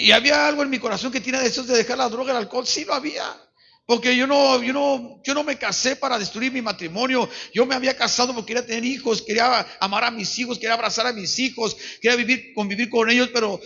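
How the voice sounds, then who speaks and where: A man's voice: very high-pitched, quick pace, gravelly, pushed and bright, breathy edge. A middle-aged man with a Mexican accent, a pastor preaching a sermon with personal testimony, earnest and repeating words, often saying amen. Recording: dull lo-fi recording.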